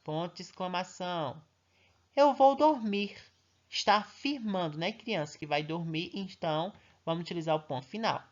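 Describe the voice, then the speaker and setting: A male primary teacher talks young children through an online grammar lesson. He reads each example slowly and emphatically, then keeps asking the class short check-in questions. The recording is muffled and lo-fi. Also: fairly high pitch, fairly bright tone.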